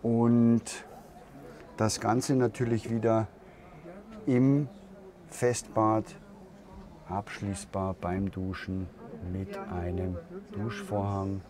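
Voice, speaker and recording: A man giving a slow walkaround tour of a camper van at a trade fair, thinking aloud with pauses and fillers. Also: fairly low pitch, steady tone, mellow. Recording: crowd noise of a trade fair. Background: crowd chatter of a fair.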